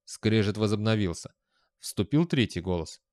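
A man narrating an audiobook in an even, measured storytelling manner. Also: on the low side, dry recording, clean studio sound.

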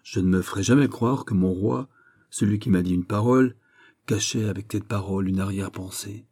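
A man voicing a calm older male nobleman who speaks in a measured, courteous and unyielding way. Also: lowish voice, slightly rough.

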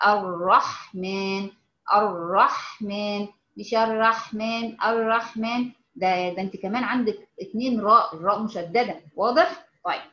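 A woman with an Egyptian Arabic accent teaching recitation, explaining patiently and modeling words slowly with repetition. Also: mid-range voice, sharp tone, echoey room, highs cut off. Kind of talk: informal online lesson.

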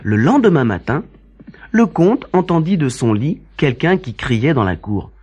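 A man's voice: a little high, big pitch swings, measured pace, a little mellow, breathy edge, muffled recording. A man narrating a scripted storybook tale in French as the narrator.

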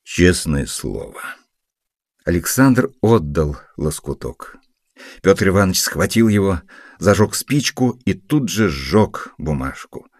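A man narrating an audiobook in an expressive reading. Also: deep voice, unhurried, no room sound. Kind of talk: scripted narration. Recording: dry close studio sound with faint music.

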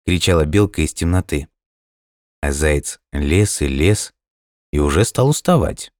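A man narrating a children's story audiobook in a calm, unhurried way. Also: a bass voice, dry recording, clean studio sound.

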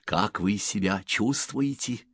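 A man whispering as a gentle alien pilot, whispered role-play. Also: lowish voice, slow, dry recording. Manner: soft, polite whisper.

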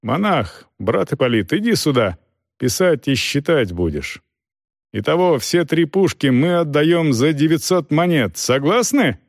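A man voicing a calm, stern knight commander who talks plainly and dryly. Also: a little high, unhurried, dry recording, clean studio sound, voice pushed up, heavily acted. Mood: businesslike. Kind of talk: audiobook character voice.

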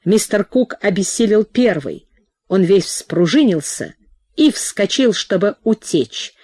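A woman reading a novel aloud in expressive audiobook narration. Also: mid-range voice, slow pace, breathy edge, no echo. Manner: expressive storytelling. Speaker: audiobook reader.

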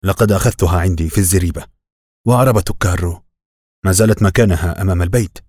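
A man voicing a stern, quick-tempered older uncle who scolds impatiently in an audiobook. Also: low-pitched, darkish tone. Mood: evasive.

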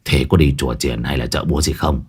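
A man voicing a gruff, foul-mouthed male shaman who barks his orders. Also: a bass voice, fairly even intonation, quick pace, voice pushed down, full character voice. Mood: gruff, impatient. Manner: gruff, barking.

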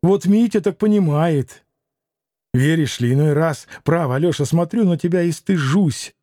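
A man's voice: on the high side, moderate pace, warm tone, no echo, studio quality, lightly acted. A man voicing a passionate young woman from an audiobook. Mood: tender. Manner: emotional, pleading.

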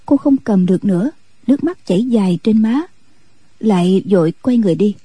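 Brief: calm woman story narrator, very dark mellow tone, dry close mic. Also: mid-range voice, fairly quick, slightly rough, dry recording. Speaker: audiobook narrator.

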